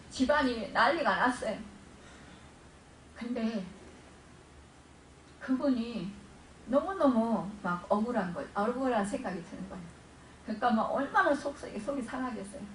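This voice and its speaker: Woman pastor, middle-aged, emotional sermon storytelling, fairly high voice, echoey hall, distant mic. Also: slight background noise. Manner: emotional storytelling, acts out tearful prayers. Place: church sanctuary. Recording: echoey room, mic far off, faint ambience.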